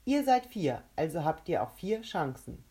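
A woman voicing a gloating male monster made of a huge mouth, who taunts and shouts triumphantly. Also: on the low side, big pitch swings, moderate pace, slightly rough, full character voice. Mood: smug.

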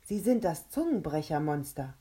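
A woman voicing a clever little girl who speaks carefully and deliberately. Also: deep voice, big pitch swings, dark tone.

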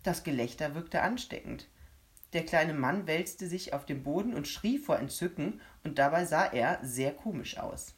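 Brief: low-pitched woman, steady audiobook narrator for a children's tale. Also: unhurried. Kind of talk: scripted narration of a children's story.

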